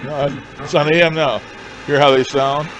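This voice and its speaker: Pitched toward the high side and moving at an even pace, this man presents an informal, unscripted amateur radio demo. He explains things and tends to repeat himself, and the clear recording carries steady background noise.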